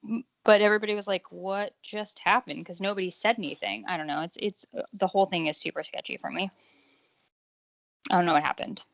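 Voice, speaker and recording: Giggly animated woman in casual chat. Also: medium pitch, quick pace, gravelly, no room sound. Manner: giggly, animated, restarts words. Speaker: podcast guest.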